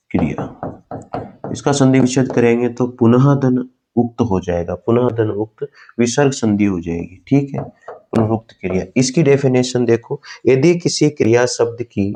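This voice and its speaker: A man teaching a Hindi grammar class online, slowly dictating notes, repeating key words and answering his own questions. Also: medium pitch, warm tone. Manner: asks the class questions and answers them himself.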